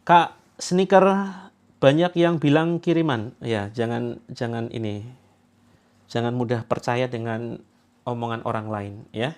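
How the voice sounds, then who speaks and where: A man from Java, coaching a group through a healing session. He gives instructions, jokes, and breaks into loud commands. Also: medium pitch, measured pace, long pauses, smooth. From Java, Indonesia.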